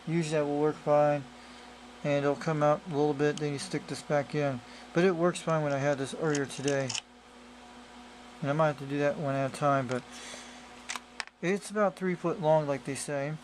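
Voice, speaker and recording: A radio hobbyist presenter with a slightly high voice gives a casual, hands-on gadget demo, rambling and often circling back to the same point. He speaks at normal speed with fairly even intonation and long pauses. The amateur camera audio is noisy, with faint noise behind him.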